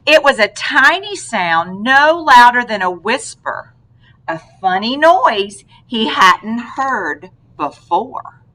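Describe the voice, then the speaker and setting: Brief: female storyteller for a children's read-aloud, bright, fairly high voice, expressive, asks the listener questions. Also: takes it slowly, poor audio.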